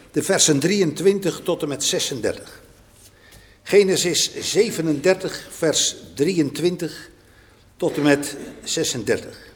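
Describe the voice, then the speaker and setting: A man leading a church service, praying and reading scripture in a measured, solemn way. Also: on the high side. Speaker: worship leader. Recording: long church reverb.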